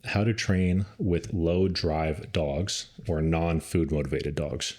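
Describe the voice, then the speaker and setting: A man co-hosting a podcast, giving casual advice on dog training, relaxed and rambling with lots of fillers. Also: sits low, slow pace.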